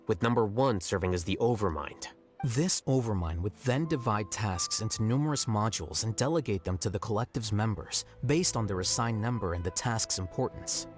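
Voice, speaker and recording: An actor playing a composed, blunt scholar in a video game, explaining in a measured, didactic manner. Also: male voice, lowish voice, natural voice. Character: cool, analytical male scholar, composed and blunt. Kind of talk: video game dialogue acting.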